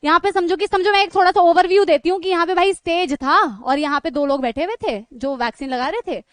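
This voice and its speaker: A woman teacher with a very high voice tells her class a funny story. She is chatty and lively, checks in with the students again and again, and laughs along the way. Her voice sounds dry and close, with no room echo. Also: a little fast. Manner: animated, chatty, keeps calling the students "beta" and checking with "theek hai"; breaks into laughter while telling the story. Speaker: online teacher.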